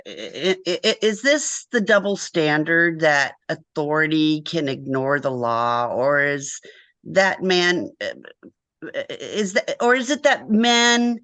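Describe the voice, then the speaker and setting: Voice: mid-range voice, fairly bright tone, no room sound. Interviewer with a dry, close sound. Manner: long, wordy questions with small stumbles. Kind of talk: asking prepared interview questions.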